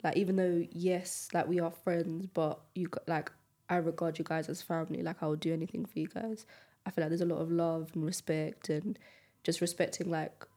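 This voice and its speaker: A young woman guest on a podcast, reflective and soft-spoken, with frequent fillers. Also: fairly low pitch, level tone, brisk. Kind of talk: casual chat.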